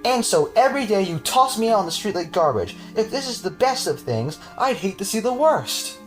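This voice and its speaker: A man's voice: sits high, very animated, fairly quick, soft background music, pitched above the performer's own voice. A man voicing a sulky preteen boy who whines sarcastically at his dad. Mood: resentful. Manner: bitter, sarcastic whining.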